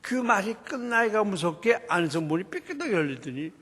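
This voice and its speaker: A man with a high, husky voice tells his church testimony as a story. His pitch leaps up and down as he acts out the people in it. A long reverb hangs on his words, as in a large hall. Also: fairly quick. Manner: animated storytelling, acting out quoted dialogue. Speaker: church deacon giving a testimony.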